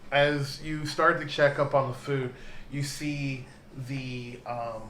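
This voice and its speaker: A man's voice: medium pitch, little pitch movement, slow pace, a bit bright, reverberant, slight background noise. A man running a tabletop game as game master, narrating loosely with many fillers.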